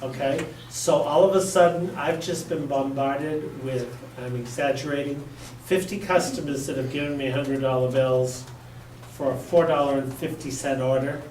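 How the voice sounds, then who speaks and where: A workshop presenter gives an informal training talk to volunteers in a community center meeting room, blunt and joking with emphatic asides. His mid-range, steady, slightly mellow voice moves at normal speed, picked up from a distance in an echoey room with slight background noise.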